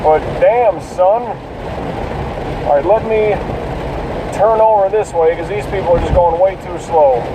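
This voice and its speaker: Driving through heavy rain, a podcast host talks casually on his own, ranting and swearing at other drivers. His high voice is unhurried with frequent pauses, picked up from a distance amid rain and road noise inside the car.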